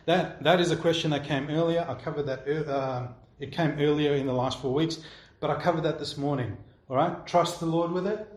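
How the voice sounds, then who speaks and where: Conversational pastor in a roomy room. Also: male voice, on the high side. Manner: conversational, keeps checking in with "all right?". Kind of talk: sermon answering congregation questions. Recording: roomy echo.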